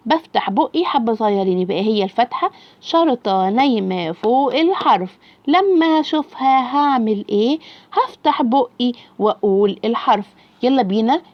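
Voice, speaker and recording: A woman's voice: a little high, no room sound, lo-fi sound. Egyptian woman teaching Arabic letters. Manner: slow, drawn-out letter sounds when modeling; encouraging, praising the child. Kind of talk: teaching parents and children.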